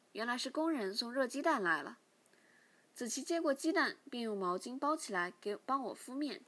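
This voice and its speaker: A woman narrating a novel in a steady, plain storytelling manner. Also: fairly high pitch, husky. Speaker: audiobook reader.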